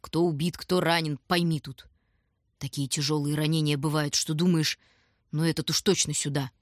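A woman puts on a heavyset tram conductor with a low, husky voice who orders passengers about and grumbles as she works. The sound is dry and close. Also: no echo. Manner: brusque, ordering people about. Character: stout gruff grumbling female tram conductor.

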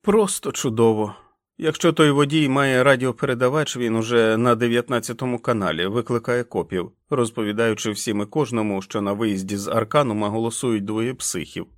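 A man reading the part of a furious, exhausted boy who shouts himself hoarse in the rain, in a storybook reading. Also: medium pitch, brisk, no room sound, studio quality, lightly acted. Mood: furious shouting. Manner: shouting, frantic.

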